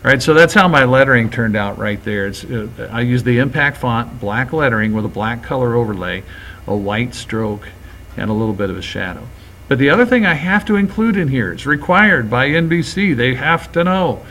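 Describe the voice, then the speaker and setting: A man teaching graphics, talking through each step of a screen-recorded software tutorial in a relaxed, chatty way. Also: mid-range voice, slight background noise.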